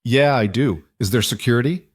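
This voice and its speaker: A man voicing a protective single father, speaking in a calm, steady, firm way. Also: mid-range voice, fairly quick, husky, no echo, clean studio sound, close to an everyday voice.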